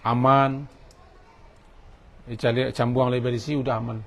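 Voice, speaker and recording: A man preaching a sermon in a mosque, lively, switching between quiet stretches and loud acted-out voices. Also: mid-range voice, moderate pace, vocal fry.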